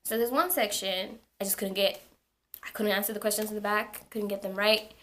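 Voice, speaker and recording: A young woman from Zambia, telling a story to her vlog audience in a casual, animated way and repeating words for emphasis. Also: medium pitch, brisk. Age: young adult. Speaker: university student vlogger.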